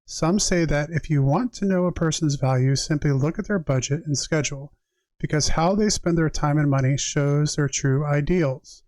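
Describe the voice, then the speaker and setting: This live-streaming tarot reader has a fairly high male voice with a darkish tone and talks at a normal speed. Conversational and reflective, he moves between reading aloud and speaking directly to his viewers, and there's no room sound at all.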